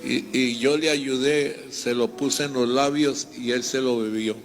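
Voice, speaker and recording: A man's voice: medium pitch, steady tone, measured pace, faint music behind. An older man, a reverend, giving a fervent personal testimony and retelling his story in repetitive, heartfelt bursts.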